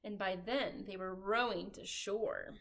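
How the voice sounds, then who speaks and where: A woman leading a children's storytime, reading a picture book aloud in a cheerful, animated way. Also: medium pitch, a little slow, gravelly, slight background noise. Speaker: children's librarian.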